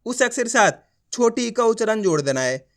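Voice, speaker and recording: A man teaches a reading lesson. He sounds out each letter slowly and keeps asking if learners follow along. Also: very high-pitched, very animated, a bit bright. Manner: slow syllable-by-syllable drilling, asks learners to repeat along; often asks whether it is clear. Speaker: Hindi teacher.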